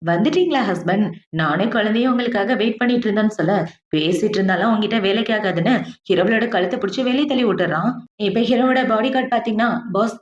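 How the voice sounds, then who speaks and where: Fast-talking woman recapping a drama. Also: a little high, echoey room, muffled recording. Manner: brisk chatty retelling, acts out quoted lines. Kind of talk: casual storytelling recap of a drama.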